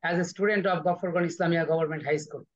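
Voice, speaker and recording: A man hosts an online class. He has a high voice held in a narrow, flat range, and he sounds brief and encouraging. The call audio is muffled and lo-fi. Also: fast talker. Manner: brief, encouraging, passes the floor. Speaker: English teacher and host. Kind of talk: hosting an online English session.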